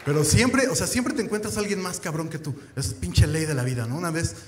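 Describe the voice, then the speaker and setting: A young Mexican man telling crude, deadpan stand-up jokes full of slang. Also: on the high side, a little fast. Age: young adult. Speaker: stand-up comedian. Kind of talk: stand-up comedy set. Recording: echoey club with crowd noise.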